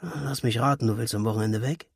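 A man's voice: medium pitch, fairly quick, gravelly, breathy edge, no echo, studio quality. A man voicing a laid-back aging ex-punk father. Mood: teasing. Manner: murmuring, then calling out loud.

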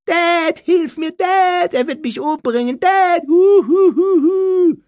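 A man voicing a panicked, cowardly teenage boy who wails and stutters in a shrill voice. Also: fairly even intonation, slow, no echo, clean studio sound. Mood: wailing.

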